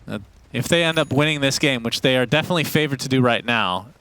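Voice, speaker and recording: A man's voice: mid-range voice, quick pace, a crowd in the background. A man casting a live esports match, joking and laughing easily with his co-caster. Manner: jokey, laughs often, self-deprecating.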